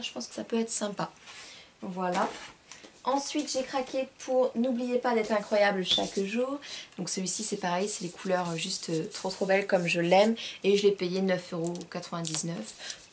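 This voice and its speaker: A woman's voice: mid-range voice, a little hiss or hum. A young woman presenting a shopping haul vlog, gushing and bubbly, with many fillers. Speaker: vlogger.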